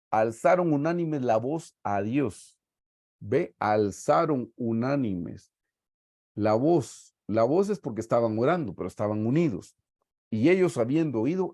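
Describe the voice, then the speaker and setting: A man with a Guatemalan Spanish accent leads a sermon-style Bible study over a video call, reading verses slowly and often addressing his listeners as brothers. His voice is medium-pitched and mellow, recorded with clean studio sound and no room sound.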